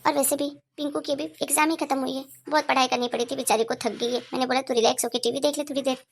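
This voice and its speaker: Cartoon role: young wife, mother of two, voiced by a woman; high, slightly gravelly, earnest pleading delivery. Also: level tone, fast talker, slight background noise. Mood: casual.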